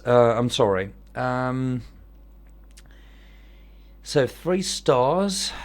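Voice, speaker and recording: A man's voice: fairly low pitch, vocal fry. A man with an Italian accent giving casual commentary on an online football manager game, thinking aloud as he weighs his choices.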